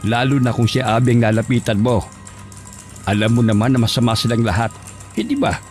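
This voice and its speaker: A stern old ghost grandfather, voiced by a man, scolds in an accusing tone. His voice sits at a middling pitch. Faint music plays beneath him. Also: animated, fairly quick, darkish tone, natural voice. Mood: scolding.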